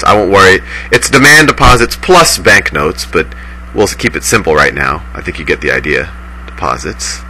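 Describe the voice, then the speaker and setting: A man lectures in a lowish voice with a sharp, bright, forceful tone, building an example piece by piece and pausing to fix his own slips. The audio has the thin, degraded sound of a low-quality stream. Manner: explains step by step, restarts and self-corrects. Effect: poor-quality sound, like a low-grade stream. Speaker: teacher explaining banking. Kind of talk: recorded lecture, thinking aloud.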